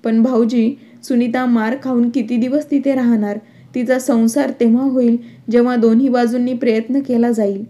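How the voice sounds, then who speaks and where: A blunt middle-aged uncle, protective of his niece and combative, as a woman reads him. The voice stays fairly high, level and mellow in a narrated storybook. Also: fairly even intonation, moderate pace, lightly acted. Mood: indignant.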